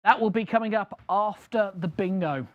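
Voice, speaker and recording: A man's voice: sits high, moderate pace, no echo, dull audio. A man hosting a live game as a bingo caller, announcing numbers in repeated traditional patter.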